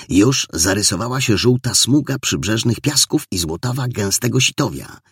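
A man narrating an audiobook in an expressive, animated reading style. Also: low voice, breathy edge, no room sound, clean studio sound.

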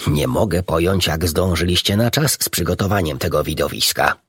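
A man's voice: deep voice, moderate pace, husky, dry recording, studio quality. A man as a jovial Doctor Dolittle. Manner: warm and laughing. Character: kindly jovial male animal doctor.

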